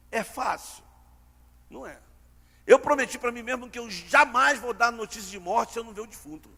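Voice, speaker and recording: A man's voice: high-pitched, vocal fry, sharp tone, husky. A male preacher, giving a sermon in a church, telling stories and acting out the dialogue. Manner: storytelling, acts out dialogue, asks the crowd. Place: large church hall. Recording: long church hall reverb.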